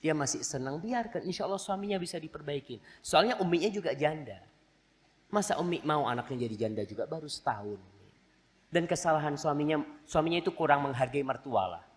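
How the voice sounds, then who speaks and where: A man's voice: on the high side, brisk, in a large hall. A man preaching a sermon, telling stories animatedly and acting out the voices of the people in them, mixed in. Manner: animated storytelling, acts out quoted voices. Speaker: Islamic preacher.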